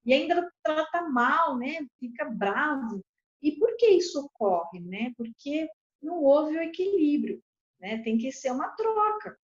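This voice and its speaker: Higher-pitched Brazilian woman explaining calmly. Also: measured pace. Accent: Brazilian Portuguese. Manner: explains calmly, acts out quoted dialogue animatedly. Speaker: lawyer. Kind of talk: explanatory talk. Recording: dull lo-fi recording.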